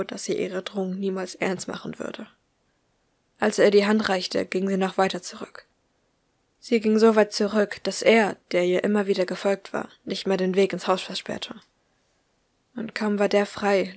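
A woman reading a story aloud as an audiobook in a calm, even manner. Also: mid-range voice, vocal fry, dry recording. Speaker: audiobook reader. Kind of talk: scripted narration of fan fiction.

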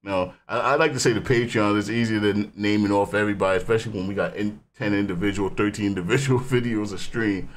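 A man hosts a casual music reaction video with a rambling, animated delivery. His voice sits on the low side, and a faint hiss runs under it. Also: fast talker, few pauses.

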